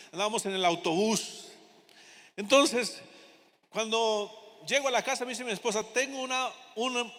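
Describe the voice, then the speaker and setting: A middle-aged Mexican pastor preaching to his church, telling a personal story with lively, animated delivery. His voice sits high and bright. A long reverb from the sanctuary trails behind his words. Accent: Mexican Spanish.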